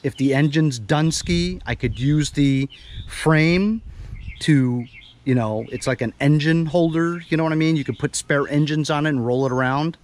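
A fairly high-pitched man in his 50s talks at a moderate pace, rambling casually with fillers as he repairs machines outdoors. He's a small engine repair vlogger filming on an action camera in a driveway and backyard.

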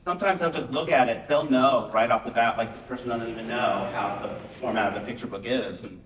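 A man on an author panel, telling a casual story to an audience, animated and acting out the people he quotes. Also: medium pitch, fairly quick, slight background noise. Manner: animated, acts out quotes with a raised voice. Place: school auditorium. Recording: roomy hall, mic from a distance.

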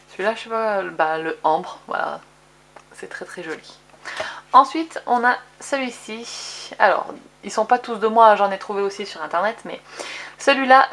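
A woman hosting a relaxed craft tutorial, talking her viewers through colour samples. Her delivery is chatty and unpolished, full of hesitations and restarts, and she pokes fun at her own English accent. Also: medium pitch. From France. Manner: chatty, with many fillers and self-corrections. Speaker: craft video host.

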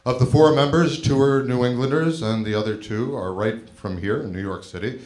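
A man's voice: mid-range voice, brisk, darkish tone, soft background music. Middle-aged man introducing a band on stage. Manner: announcer-like, building to a hype call. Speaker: show host. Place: small theater stage. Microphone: handheld mic on stand.

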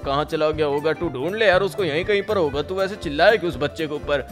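A friendly middle-aged family man chats quickly and gently scolds his visitor, as a man plays him. His voice sits a little high and rushes along. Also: over music, lightly acted. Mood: friendly chiding.

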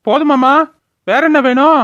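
A man's voice: extremely high pitch, normal speed, fairly bright tone, no room sound, dull audio. A voice actor playing a stern, fair-minded middle-aged brother who questions his sister, in a cartoon. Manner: firm, questioning. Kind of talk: cartoon voice acting.

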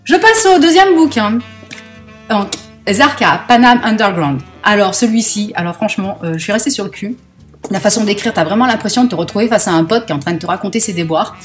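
A woman's voice: medium pitch, quick pace, soft background music. A woman talking casually about books she has read, chatty and slangy, swearing freely. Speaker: book vlogger. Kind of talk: casual book review and reading aloud.

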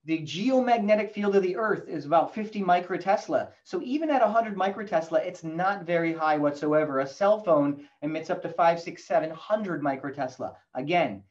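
Over a webcam on a video call, a guest expert in his forties gives a fluent, lecture-like technical explanation with lively gestures. His fairly high voice moves at normal speed with hardly any pauses, and the audio is dull.

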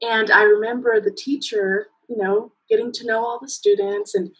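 This guest, a woman in her thirties from Mexico whose first language is Spanish, is being interviewed casually by video call from her home, picked up by a laptop webcam. Her voice sits on the high side, sing-song, gravelly and husky, at a normal speed, on a rough recording. She spins warm stories packed with fillers and sudden laughs.

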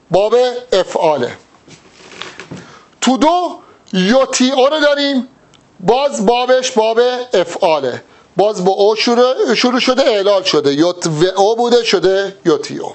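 Man, high voice, very lively pitch, Persian-speaking grammar tutor, step-by-step exam-prep explanation. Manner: explains step by step, addresses the student directly. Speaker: Arabic grammar teacher.

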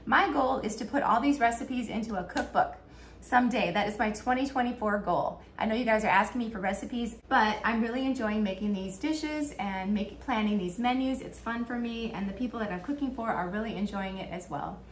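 Her voice on the high side and fairly quick, a middle-aged cooking vlog host chats casually and explains as she cooks at home. The camera mic, a few feet away, captures an echoey kitchen with faint room hum.

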